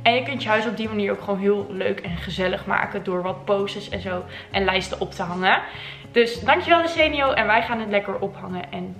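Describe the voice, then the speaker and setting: A woman in her twenties chats brightly through a shopping vlog, pointing things out and asking her viewers questions. Her voice sits at an ordinary middle pitch. Faint background music plays under her camera-mic sound. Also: fairly quick, gravelly. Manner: chatty, enthusiastic, asks viewers questions. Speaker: vlogger. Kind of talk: casual shopping vlog chat. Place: home living room, then inside a store.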